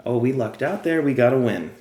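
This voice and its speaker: A man's voice: medium pitch, animated, fairly quick, darkish tone, echoey room. A man who is losing his voice, chatting casually as he plays and explains a card game step by step. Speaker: game guide creator. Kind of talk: casual gameplay tutorial.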